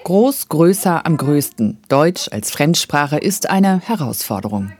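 A woman narrating a scripted news report calmly and clearly. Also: sits low, measured pace.

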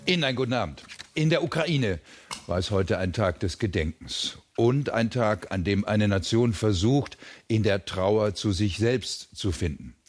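Husky-voiced male news anchor. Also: fairly low pitch, animated, soft background music. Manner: measured, formal delivery. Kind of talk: scripted news presentation. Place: television studio.

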